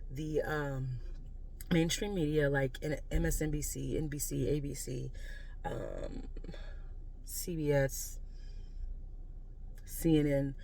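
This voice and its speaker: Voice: mid-range voice, steady tone, slow, vocal fry, long pauses, darkish tone. An exasperated American vlogger giving a casual, unscripted political rant in a blunt, emphatic way. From United States. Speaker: video creator giving political commentary.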